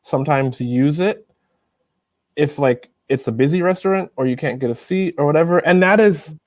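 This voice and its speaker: A man from the United States, a YouTuber guest, casually telling animated anecdotes and laughing often. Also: fairly high pitch, normal speed, dry recording. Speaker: interview guest, Chinese-teaching YouTuber. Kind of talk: casual storytelling in a video interview.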